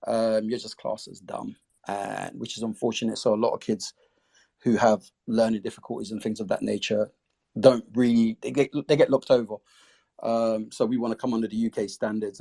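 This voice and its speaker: A man's voice: on the low side, vocal fry, mellow, breathy edge. A man talking casually in an interview, explaining the project he founded. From came to the UK as a child refugee.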